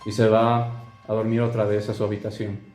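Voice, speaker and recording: A man's voice: on the low side, completely flat delivery, a little fast. A young man telling a horror story in a casual, conversational way, with fillers and asides. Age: young adult. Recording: roomy echo, soft music behind.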